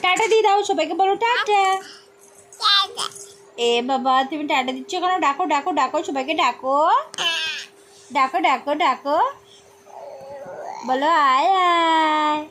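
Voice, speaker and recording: A woman with a West Bengal Bengali accent, coaxing a small child at home in drawn-out, sing-song baby talk. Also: sits high, a bit bright, slight background noise. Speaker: village vlogger. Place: home indoors during heavy rain.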